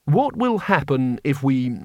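A man voicing a courteous, tactful male diplomat who speaks in a measured way. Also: mid-range voice, very animated, dark tone, no room sound, clean studio sound.

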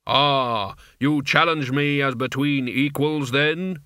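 A man voicing Death as a cold, imperious male reaper who speaks slowly and with measured command in an audiobook. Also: medium pitch, pushed and bright, smooth, dry recording, studio quality.

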